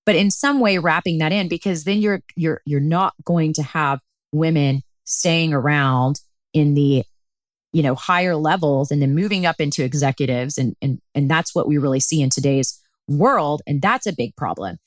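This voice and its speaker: A woman's voice: low-pitched, normal speed, no room sound. A woman hosting a conversational interview, speaking earnestly and emphatically in long winding sentences. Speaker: interview host.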